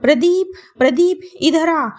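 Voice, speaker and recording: A woman voicing a domineering older mother-in-law who scolds in a shrill, accusing way. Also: animated, normal speed, darkish tone, lo-fi sound, close to an everyday voice. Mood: shouting.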